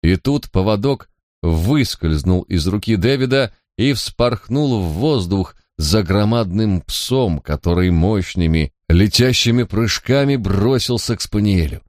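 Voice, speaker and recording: Low-voiced guy reading an audiobook, measured and dramatic, dry close sound. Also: expressive, darkish tone, no echo. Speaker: audiobook narrator. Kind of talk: scripted audiobook narration.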